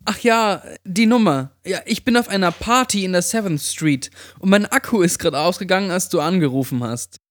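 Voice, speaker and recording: A man's voice: sits high, moderate pace, hardly any pauses, a bit bright, no echo, studio quality, voice pushed up. A man voicing a cheerful, slightly tipsy young woman calling a friend on the phone. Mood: bubbly. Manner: bubbly, a little tipsy.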